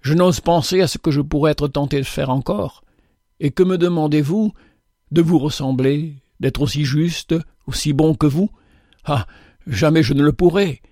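Guy reading sad repentant convict, slow pleading voice, kinda high, dead dry sound. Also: mellow, dry recording. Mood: pleading, humble. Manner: slow, pleading, self-reproaching. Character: humble repentant male convict, tearful and ashamed.

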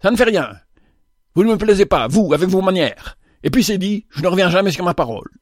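A man voicing a gruff, bad-tempered middle-aged male boss who scolds and shouts at his staff. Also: fairly high pitch, moderate pace, dry recording, studio quality. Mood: furious.

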